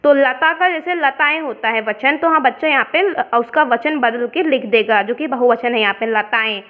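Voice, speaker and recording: Woman teacher from India, explains step by step, high voice, muffled lo-fi audio. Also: normal speed. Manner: explains step by step, mixing in English words. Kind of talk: worksheet explanation lesson. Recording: dull lo-fi sound.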